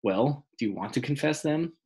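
A man reading an audiobook voices a firm, steady older woman, a grandmother, in a gravelly, husky tone. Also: medium pitch, normal speed, pitched above the performer's own voice.

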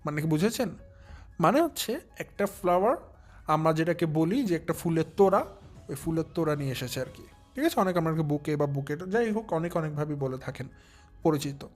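Young male vlog commentator, high voice, mocking, stretches his stressed words, faint music bed. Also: animated. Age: young adult. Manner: drawn-out emphatic stresses, mocking. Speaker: commentary channel host. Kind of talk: casual commentary vlog addressing viewers.

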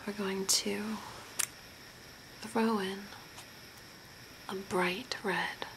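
With a mid-range voice, a young ASMR host whispers softly and breathily in character as a calm, creepy zombie makeup artist, gently walking the listener through instructions slowly and deliberately. She's in a small home room by a window, and the recording is noisy, with hiss and clear background noise.

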